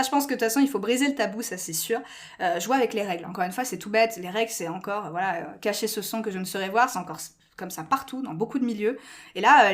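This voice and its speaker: A middle-aged woman with a French accent, chatting candidly and informally as an interview guest, often digressing and poking fun at herself. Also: mid-range voice. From France. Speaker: interview guest, school educator. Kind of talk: animated informal interview talk.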